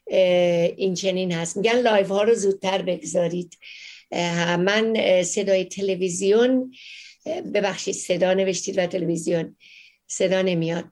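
A middle-aged woman psychologist talks straight to her live audience, leaning hard on key words and stretching them out. She then rushes through other thoughts in quick bursts, with plenty of fillers as she thinks aloud. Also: mid-range voice, darkish tone. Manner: emphatic, drawn-out stresses and fast bursts. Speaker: clinical psychologist hosting a live advice show. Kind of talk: live advice talk to viewers.

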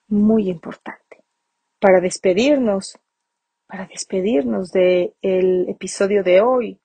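Husky-voiced woman, emphatic motivational host. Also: mid-range voice, mellow, dry recording. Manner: emphatic, repeats phrases for stress. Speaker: podcast host. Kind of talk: motivational business podcast.

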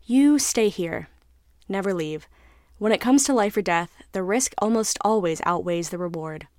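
A woman's voice: mid-range voice, lively intonation, normal speed, a little mellow, no room sound, clean studio sound, lightly acted. Woman voicing an anxious, pleading tuna. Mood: resigned.

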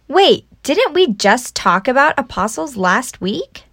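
A woman podcast host telling stories to children in an animated, simple explaining way, recorded at home without a proper mic. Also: sits high, slow pace, dry recording, studio quality. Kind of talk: scripted children's storytelling podcast.

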